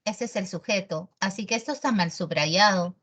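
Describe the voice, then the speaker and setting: A woman teaching an online grammar class in a lively, teasing, slangy way. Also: medium pitch, normal speed, slightly rough.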